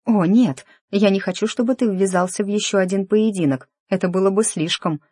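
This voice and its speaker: A reader voicing an emotional young noblewoman in an audiobook, speaking in a pleading, higher voice. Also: animated, normal speed, a little mellow, no echo, studio quality, lightly acted. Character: young noblewoman, agitated and hurt. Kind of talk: audiobook character dialogue.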